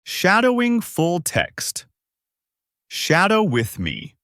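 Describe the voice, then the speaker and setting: A man teaching English, speaking slowly and very clearly with emphatic delivery. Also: sits high, huge pitch swings, a bit bright, dry recording, studio quality. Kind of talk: slow instructional narration.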